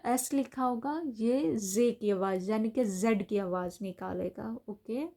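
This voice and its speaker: Her voice sits fairly high but has a dark tone as she teaches German pronunciation. She patiently walks through the letter sounds and keeps circling back, restarting and dropping in little fillers.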